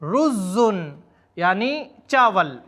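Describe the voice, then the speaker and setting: High, bright-voiced male Arabic teacher. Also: very animated. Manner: says each Arabic word slowly and repeats it, then explains its meaning. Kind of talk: vocabulary lesson in Urdu.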